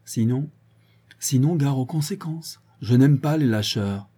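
A man's voice: mid-range voice, lively intonation, unhurried, dark tone, husky, voice pushed up. A man voicing a drunk, mocking middle-aged villain who taunts his captive in an audiobook. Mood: cold threatening. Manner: sneering, jovial, taunting. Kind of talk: audiobook character voice.

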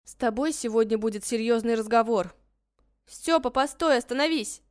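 A man's voice: very high voice, moderate pace, smooth, no echo, clean studio sound, voice pushed up. A man voicing a protective, feisty teenage sister in an audiobook, coaxing and bossy by turns. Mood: stern. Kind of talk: audiobook character voice.

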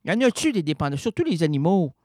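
A man's voice: a little high, sing-song, fast talker, a little mellow, dry recording, clean studio sound. A man with a Québécois accent hosting a late-night radio show, rambling playfully and correcting himself as he goes. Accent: Québécois French. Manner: playful, digressive, constantly self-correcting. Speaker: radio host. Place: radio studio.

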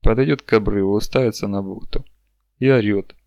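A man voicing a blunt, talkative young male villager in a book reading, speaking loudly and roughly. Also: on the low side, fairly quick, no room sound, natural voice. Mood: telling story.

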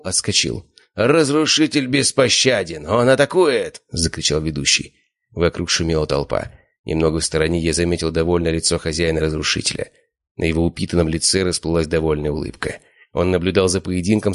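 A man narrating first-person fiction for an audiobook in a steady, measured way. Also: low voice.

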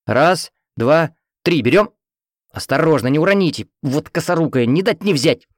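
A man voicing a bossy, shrill older female head nurse who barks and scolds orders. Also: animated, fairly quick, no echo, studio quality, lightly acted. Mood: barking orders.

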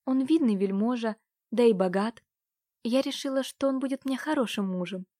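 A woman's voice: fairly high pitch, normal speed, mellow, no echo, clean studio sound, lightly acted. A woman voicing a stubborn, desperate eighteen-year-old noble girl who defies and then pleads with her uncle. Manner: defiant, pleading.

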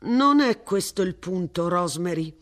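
A woman's voice: on the low side, lively intonation, a little slow. A woman voicing a stiff, indignant middle-aged husband, curt and icily controlled, in a story reading.

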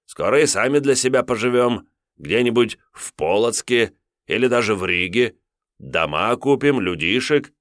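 A man's voice: mid-range voice, lively intonation, normal speed, a bit bright, no room sound, clean studio sound, voice pushed up, close to an everyday voice. A man voicing a sly, scheming middle-aged male steward with a mocking manner.

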